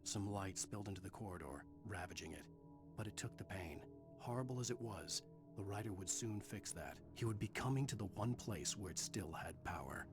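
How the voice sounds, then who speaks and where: An actor playing a troubled writer in a video game, serious, measured and brooding. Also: male voice, on the low side, over music, close to an everyday voice. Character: troubled male writer, tense and brooding narrator. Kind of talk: video game voice acting, scripted noir narration.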